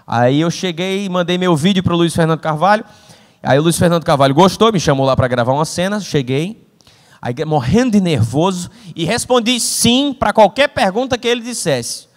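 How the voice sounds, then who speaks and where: Young man, high-pitched, animated storyteller, long hall reverb. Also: normal speed. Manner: animated storytelling with acted-out dialogue. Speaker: invited speaker. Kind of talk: humorous motivational talk. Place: event hall.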